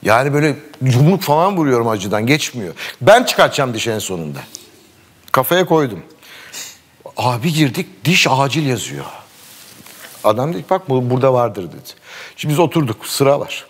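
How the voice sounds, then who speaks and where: A middle-aged man tells a long anecdote in a relaxed conversation. His voice swings widely in pitch as he quotes the people in the story, and he breaks into laughter often. He speaks at an ordinary middle pitch. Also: moderate pace, breathy edge. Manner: animated anecdote-telling, quoting dialogue and laughing often. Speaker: sports commentator guest. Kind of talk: casual storytelling chat.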